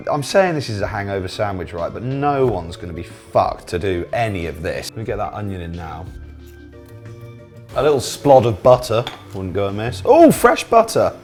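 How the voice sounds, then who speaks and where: A man's voice: on the low side, a little mellow. A British man hosting a casual cooking vlog, chatting and swearing jokily as he talks through what he is making. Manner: chatty, sweary, jokey self-commentary. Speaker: cooking show host.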